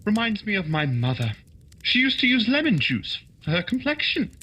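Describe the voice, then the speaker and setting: Radio play sidekick: male actor as earnest doctor, a bit dim, husky and lively. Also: high-pitched, moderate pace, heavily acted. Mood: wondering.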